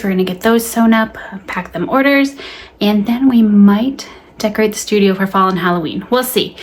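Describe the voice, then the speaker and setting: A woman in her thirties, a small business owner, chatting cheerfully in a vlog from her home studio, a little stuffy-nosed. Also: fairly high pitch. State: stuffy nose. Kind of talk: casual vlog narration.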